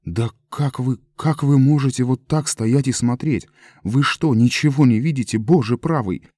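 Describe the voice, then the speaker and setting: A man voicing a frightened shopkeeper who shouts in panic and then speaks wearily, in an audiobook. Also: sits low, a little slow, no room sound, clean studio sound. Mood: frantic. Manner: frantic shouting, then weary.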